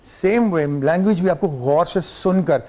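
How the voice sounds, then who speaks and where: A man with a Pakistani Urdu accent, a guest on a talk show, telling stories in an animated way and sometimes mimicking Arabic phrases. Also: fairly high pitch. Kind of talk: casual talk show conversation.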